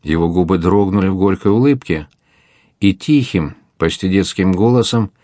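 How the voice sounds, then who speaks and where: A man reads an adventure novel aloud in a measured, dramatic way. His voice is very deep, and the recording is dry and close with no room sound. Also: mellow, no room sound. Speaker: audiobook narrator. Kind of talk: scripted narration.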